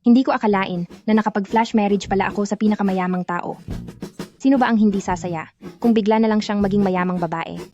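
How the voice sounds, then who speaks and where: A woman's voice: mid-range voice, steady tone, brisk, warm tone, muffled recording, soft background music, close to an everyday voice. A woman dubbing a cheerful, unbothered young bride who talks in a breezy, teasing way. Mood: amused. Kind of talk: Filipino dub of a drama.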